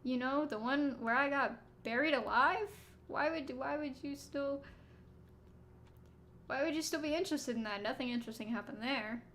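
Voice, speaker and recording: A woman voicing a reserved female investigator in a plain, low-key voice, reading game lines. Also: normal speed, a bit bright, a little hiss or hum. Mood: guarded.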